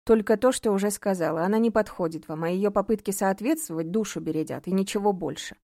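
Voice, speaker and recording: A woman's voice: medium pitch, quick pace, dark tone, no echo, studio quality, close to an everyday voice. A woman reading the lines of a stern, imperious middle-aged mother who is a judge, speaking sharply and with sarcasm in an audiobook. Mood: cold stern.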